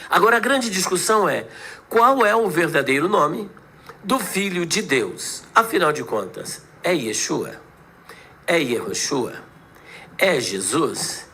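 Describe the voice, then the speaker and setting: A man's voice: fairly high pitch, big pitch swings, takes it slowly, pushed and bright, slight background noise. A man, a guest pastor on a podcast debate, explaining word origins step by step in a teaching manner.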